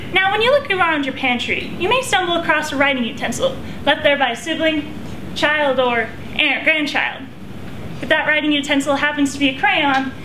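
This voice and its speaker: In an echoey room with clear background noise, a woman with a high voice and an American accent recites a speech from memory. Her delivery is stiff and rehearsed, declaimed like a contest entry.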